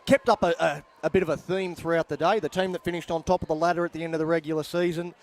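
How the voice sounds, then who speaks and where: A man with an Australian accent calling a football game outdoors, measured and wry, with plenty of pauses. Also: fairly high pitch, fairly even intonation. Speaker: play-by-play commentator. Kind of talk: sports commentary wrap-up. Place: outdoor sports ground.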